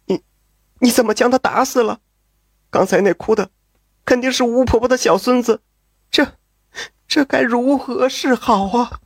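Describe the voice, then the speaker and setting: A man voicing a frightened, tearful young woman who stammers and pleads in a raised falsetto. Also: lively intonation, measured pace, darkish tone, no room sound, studio quality. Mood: panicked.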